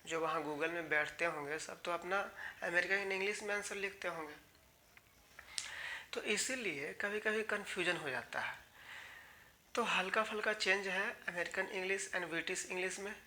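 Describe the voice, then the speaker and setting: A man's voice: sits high, normal speed, pushed and bright, a little hiss or hum. A man from India teaching English grammar in an online class, explaining patiently and talking straight to his students, often repeating key words.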